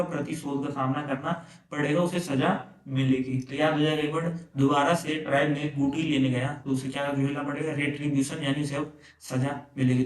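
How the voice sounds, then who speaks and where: A man teaching English vocabulary for exam prep, explaining words through little stories and often checking in with "है ना?". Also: on the high side. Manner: storytelling mnemonics, frequent "है ना?" checks. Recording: echoey room, from a distance.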